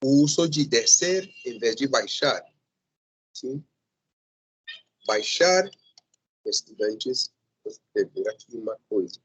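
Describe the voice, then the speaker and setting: A man teaching a Portuguese class, correcting students' mistakes slowly and deliberately and checking in with a frequent "sim?". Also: mid-range voice, lively intonation, husky. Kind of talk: classroom lecture.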